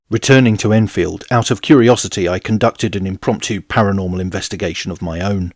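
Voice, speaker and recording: A man in his forties giving measured, wry, scripted documentary narration as a history channel host. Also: fairly low pitch, dry recording, studio quality.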